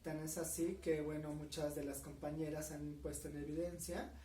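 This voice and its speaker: A Mexican woman in her forties gives an earnest, measured interview full of fillers, her low, mellow voice level in tone and marked by a Mexican Spanish accent. Slight background noise, room echo, and a distant mic color the recording.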